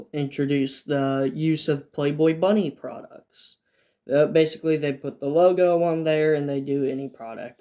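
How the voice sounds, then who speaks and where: A man narrates a history video in a mellow, somewhat high voice. He reads his scripted lines, then drops into loose, casual asides full of fillers and restarts. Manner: fillers and restarts between points. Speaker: video essay host.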